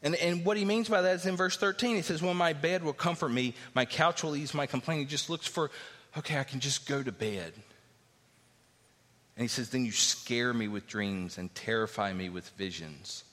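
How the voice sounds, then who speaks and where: A man's voice: normal speed, fairly bright tone. A man preaching a sermon, reading scripture aloud and explaining it, his voice lifting for emphasis. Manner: expository preaching, reads scripture aloud, rises in pitch for emphasis. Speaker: pastor. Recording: long hall reverb.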